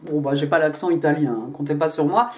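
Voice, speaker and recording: A low, darkish voice moves at a quick pace as a tarot card reader gives a casual reading, with a little hiss or hum in the audio. Her chatty delivery is full of fillers and "hein" tags, and she switches to English card text.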